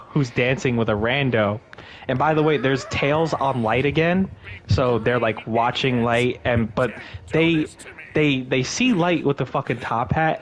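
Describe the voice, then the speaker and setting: A man's voice: medium pitch, a bit bright. Rambling, profane man recapping a plot. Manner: profane, rambling, acts out characters' lines. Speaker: podcast co-host. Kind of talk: casual chat, retelling a movie plot.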